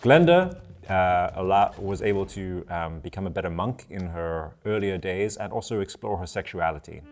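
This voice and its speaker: A man's voice: deep voice, animated, normal speed. A South African man acting as game master, recapping the last session in a loose, chatty way full of ums and uhs.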